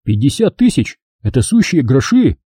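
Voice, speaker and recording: A man's voice: medium pitch, sing-song, normal speed, dark tone, breathy edge, no room sound, clean studio sound, pitched above the performer's own voice. A man voicing a hot-tempered, condescending male kidnapper who speaks with scorn.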